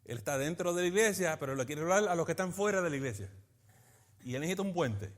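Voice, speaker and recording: A man, a pastor teaching a Bible study in a lively preaching manner, often asking his listeners for agreement. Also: on the high side, fast talker. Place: church meeting in a school building.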